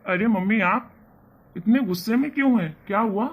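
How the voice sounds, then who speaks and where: A man voicing a kind, earnest young husband and son in an animated family story. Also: high-pitched, normal speed, husky, phone-quality sound. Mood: pleading. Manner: earnest, persuasive.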